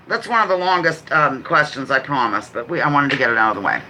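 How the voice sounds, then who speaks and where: Bright, fast-talking woman quiz host. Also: rumbling low, expressive, a little hiss or hum, rough recording. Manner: chatty, rambling, apologetic asides between questions; talks quickly. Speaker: livestream host running a trivia quiz. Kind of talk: casual live chat with read-out quiz questions.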